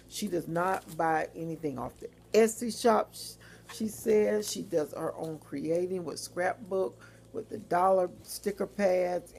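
Chatty low-voiced woman. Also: vocal fry, a little mellow, a little hiss or hum. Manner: chatty, rambling, informal with fillers and asides. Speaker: vlogger. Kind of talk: casual haul video chat. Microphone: phone or webcam.

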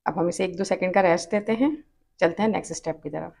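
A woman with a Pakistani Urdu accent hosting a cooking channel, calmly explaining each step of a recipe and repeating her tips. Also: on the low side, fast, creaky. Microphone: off-camera voice over hands-only cooking shots.

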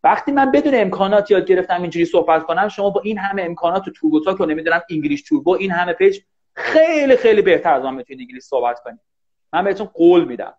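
A man teaching English in a casual live online class, talking fast and animated and often thanking viewers. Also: sits high. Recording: dull lo-fi livestream audio.

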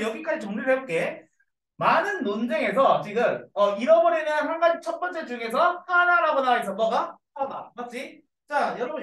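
Lively-voiced teacher in an echoey room. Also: medium pitch. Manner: keeps checking in with students and repeats each point. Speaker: English teacher for middle schoolers. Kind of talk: classroom grammar lecture. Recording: echoey room, mic far off.

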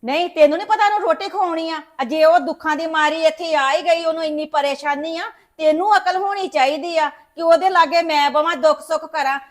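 A woman playing a scolding, sharp-tongued middle-aged mother-in-law in a family web drama, nagging and reproachful. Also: very high voice, brisk, few pauses.

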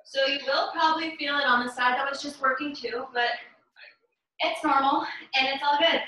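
A young woman leads a home workout in her living room like an urgent, encouraging gym coach, calling out short repeated commands and counts while she exerts herself. Her high voice is pushed and bright, with fairly even intonation and a moderate pace. A camera a few metres away serves as the mic, so the indoor room sounds very echoey.

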